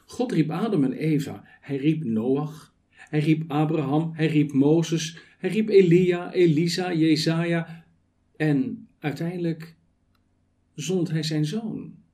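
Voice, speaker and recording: A man preaching a sermon, building it on rhetorical questions and measured lists. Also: a little high, dark tone.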